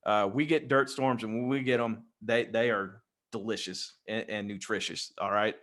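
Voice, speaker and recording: A man's voice: lowish voice, fairly even intonation, normal speed, a bit bright. A man, a Freemason guest in a casual interview, rambling and jokey as he tells stories into a desk microphone over a video call. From West Texas.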